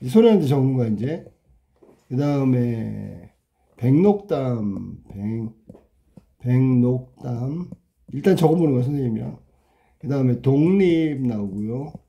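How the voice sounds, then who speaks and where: A male Korean language teacher talking casually through exam questions, sounding out words slowly and often repeating them, with many rhetorical questions. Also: mid-range voice, expressive, gravelly, dark tone, muffled recording. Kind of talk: casual exam walkthrough lesson.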